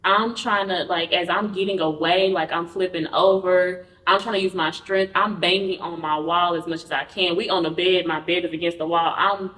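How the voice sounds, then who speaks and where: A woman's voice: on the low side, fairly even intonation, moderate pace, few pauses, fairly bright tone. A woman guest on a podcast telling her personal story frankly, acting out the voices of the people in it. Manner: frank, acts out quoted dialogue while recounting. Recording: roomy, distant mic.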